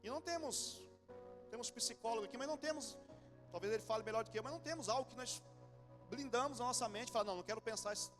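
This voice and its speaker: A man in his forties with a Brazilian accent, preaching a sermon in church, animated and then suddenly soft and low. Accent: Brazilian Portuguese. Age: 40s. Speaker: pastor.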